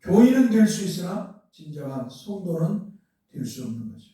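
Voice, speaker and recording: With a sing-song delivery, a high voice and a dark tone, a pastor preaches at a moderate pace in a church sanctuary. His rhetorical questions build to emphatic outbursts, heard through a distant mic in a highly echoey hall.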